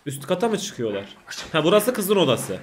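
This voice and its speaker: A man's voice: fairly high pitch, sing-song, moderate pace, slight background noise. A man commentating casually on a video he is watching, jumpy and exclaiming at the screen. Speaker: YouTuber reacting to a video.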